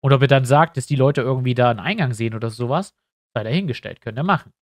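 In this casual screen-recorded tutorial, a YouTuber building a tabletop map chats with his viewers and thinks aloud as he works. His mid-range voice moves at a quick pace and sounds a bit stuffy-nosed. The recording is clean studio sound with no room sound.

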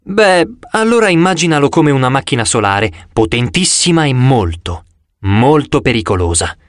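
A man's voice: mid-range voice, very animated, moderate pace, dry recording, studio quality, natural voice. Man doing a cocky, playful sun god. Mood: breezy. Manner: breezy, playful, teasing. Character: boastful carefree male sun god.

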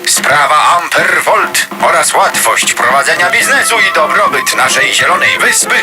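A man's voice: a little high, lively intonation, normal speed. A man narrating in the declamatory manner of an old-time newsreel announcer, solemn with an ironic edge. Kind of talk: scripted satirical narration. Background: music.

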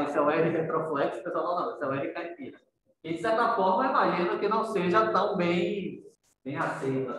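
A male teacher with a high voice and a bright, forceful tone leads an interactive writing class on accents. He speaks conversationally, questions his students, and often tags sentences with "né." The mic is distant in a very echoey room.

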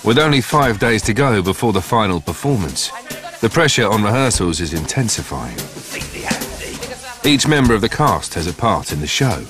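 A man reading scripted narration for an observational television documentary, in complete measured sentences. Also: lowish voice, sing-song. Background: clear music.

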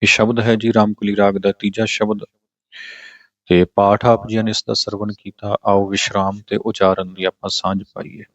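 A man's voice: lowish voice, flat delivery, dry recording, lo-fi sound. Patient Punjabi man teaching scripture. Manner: slow drawn-out chanting of verses, then plain explanation; patient, corrects pronunciation step by step. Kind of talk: religious scripture exposition.

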